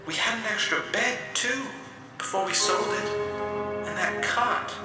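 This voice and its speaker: A man's voice: sits high, unhurried, pitched above the performer's own voice. A man voicing an anxious young woman who talks in a fretful, worried way. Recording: echoey, distant, loud music behind.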